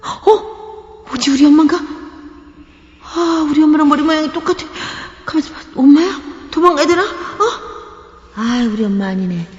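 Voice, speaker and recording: A woman acts a guilty young girl in a radio comedy. The voice is high and anxious. She mutters to herself, jumpy and sneaky. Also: normal speed, long pauses, roomy sound, long reverb tail, highs cut off, natural voice. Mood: nervous. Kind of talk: comic radio letter dramatization.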